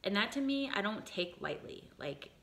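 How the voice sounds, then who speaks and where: Candid bright-voiced woman in her thirties. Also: mid-range voice, very animated, normal speed, slight background noise. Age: 30s. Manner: candid, rambling, many fillers and restarts. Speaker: vlogger. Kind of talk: casual personal vlog.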